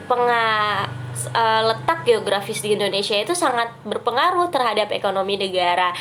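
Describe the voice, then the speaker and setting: A woman's voice: mid-range voice, fairly bright tone. Woman teacher, nasal with a cold. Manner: hesitant, many fillers. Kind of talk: online class lesson.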